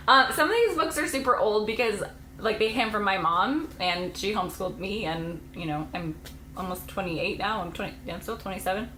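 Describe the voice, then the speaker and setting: A woman's voice: mid-range voice, normal speed, bright, forceful tone, reverberant, poor audio. A woman in her late twenties, a homeschooling mom vlogger, chatting casually and rambling to camera with frequent laughs. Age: late 20s.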